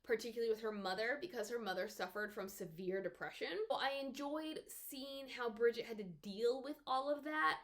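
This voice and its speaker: A woman from the American South giving a casual, chatty spoken book review with expressive pitch jumps. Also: moderate pace, few pauses.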